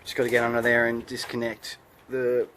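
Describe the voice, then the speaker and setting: A man's voice: mid-range voice, completely flat delivery, brisk, a bit bright, slight background noise. A man giving casual, colloquial narration as host of a hands-on DIY car video. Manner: laid-back, colloquial, plain-spoken.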